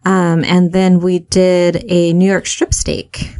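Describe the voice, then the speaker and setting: A woman's voice: fairly low pitch, completely flat delivery, takes it slowly, mellow. A woman co-hosting a podcast, telling a story in casual chat with a rambling, filler-heavy manner. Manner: rambling, many fillers and restarts. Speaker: podcast co-host.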